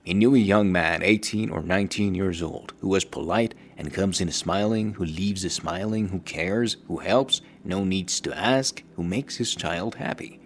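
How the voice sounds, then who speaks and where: A man reading a scripted story aloud as narrator, in a steady, measured storytelling delivery. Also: deep voice, a little hiss or hum.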